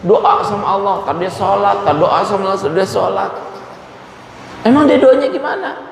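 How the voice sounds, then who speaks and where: A man's voice: high voice, normal speed, vocal fry. A middle-aged man preaching a storytelling sermon in casual slang, chuckling often. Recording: echoey hall recording with faint room noise.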